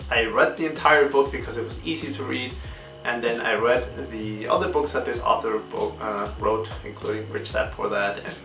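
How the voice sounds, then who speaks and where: With a medium-pitched, sharp-toned voice, a young Peruvian book channel host works through questions one by one in a casual vlog, earnest and measured, sometimes pausing to find a word. The mic is distant in an echoey room, with faint guitar music behind him.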